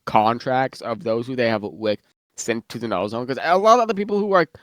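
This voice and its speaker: A man's voice: mid-range voice, expressive, a little fast, no room sound. Male, casual rambler, slightly muffled from eating, dry close recording. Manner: rambling, many fillers and restarts. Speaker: guest worldbuilder. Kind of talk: casual chat about fictional lore.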